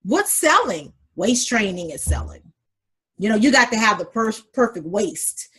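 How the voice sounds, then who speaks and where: Calling her listeners honey, a woman co-hosting a podcast makes her points with flair in relaxed, casual chat. She's sassy and animated, with a husky, breathy voice pitched somewhat high for a woman, and she speaks unhurriedly.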